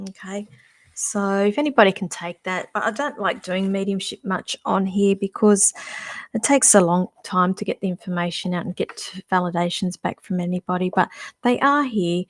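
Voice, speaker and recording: A middle-aged woman giving a casual live-stream psychic reading, musing aloud and stopping and restarting as she talks. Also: medium pitch. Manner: chatty, musing aloud, halting with restarts and fillers. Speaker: psychic reader.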